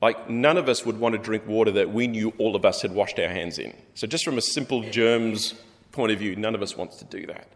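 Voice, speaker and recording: A man's voice: on the low side, brisk. Man preaching in a reverberant hall. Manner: animated storytelling, acts out characters. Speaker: pastor. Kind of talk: sermon.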